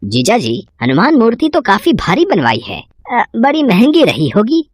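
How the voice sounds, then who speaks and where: A woman's voice: mid-range voice, huge pitch swings, moderate pace, dry recording, clean studio sound. A woman voicing a greedy, cowardly male thief in a cartoon story who squeals and pleads in panic. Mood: sly.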